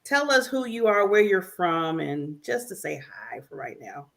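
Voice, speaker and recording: A woman's voice: on the low side, very animated, a little slow, gravelly, a bit bright. A woman hosting a casual online talk show over a video call, chatty and laughing often.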